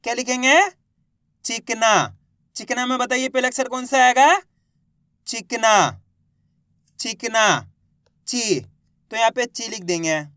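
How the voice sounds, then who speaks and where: Man slowly sounding out syllables. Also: very high voice, a bit bright, clear, resonant tone, dry recording, studio quality. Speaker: Hindi reading teacher. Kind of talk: slow spelling lesson, sounding out syllables.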